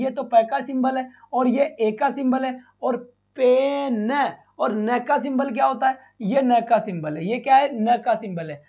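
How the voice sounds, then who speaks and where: High-voiced male teacher drilling phonetics. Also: darkish tone. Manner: calls students "beta", repeats and drills sounds slowly. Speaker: English teacher for exam prep. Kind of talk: live online class. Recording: dull lo-fi stream.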